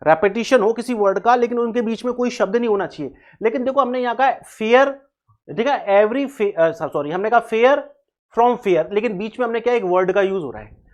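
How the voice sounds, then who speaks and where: A man's voice: high-pitched, moderate pace. A man giving an exam-prep English lesson. He mixes Hindi with English terms, explains step by step, repeats key terms and spells words letter by letter. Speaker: English teacher. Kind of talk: exam-prep video lecture.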